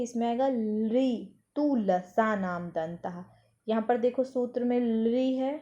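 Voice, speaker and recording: A woman teaching a grammar lesson for exam preparation. She explains patiently, recites the rules slowly and asks and answers her own questions. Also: on the high side, mellow, lo-fi sound.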